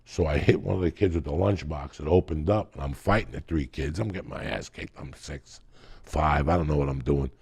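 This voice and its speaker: A man's voice: rumbling low, a little fast, vocal fry, darkish tone, slightly rough. A middle-aged man, telling wild stories in casual, profane podcast chat, often breaking into laughter. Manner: profane, rambling, laughing storyteller.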